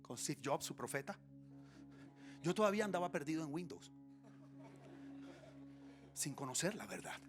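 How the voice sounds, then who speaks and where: A pastor preaches to a congregation in a fairly high, lively voice. His storytelling is comic: he swings from loud exclamations to near-whispers. Soft music plays faintly underneath. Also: normal speed, pauses often. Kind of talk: sermon. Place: church stage before a congregation.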